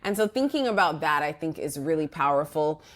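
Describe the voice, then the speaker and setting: Brisk and deep-voiced, with lively intonation, a woman answers interview questions as a guest organizational psychologist. She reflects aloud in loose phrasing, restarting often and leaning on fillers like "like" and "you know."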